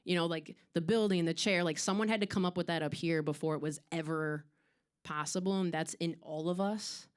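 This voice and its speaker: A woman's voice: lowish voice, steady tone, brisk, smooth. A young woman, a performer, answering audience questions in casual chat, rambling and self-deprecating with many fillers.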